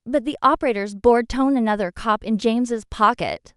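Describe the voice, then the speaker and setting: A woman narrating a dramatic first-person revenge story in an expressive storytelling manner. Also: a little high, normal speed, clear, resonant tone, no echo, studio quality.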